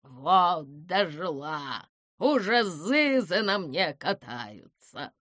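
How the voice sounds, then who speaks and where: A woman doing a haughty, slow-talking owl lady. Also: fairly high pitch, big pitch swings, sharp tone, dry recording, studio quality, heavily acted. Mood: grumbling. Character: haughty grumbling female owl, self-proclaimed writer. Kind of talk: storybook reading.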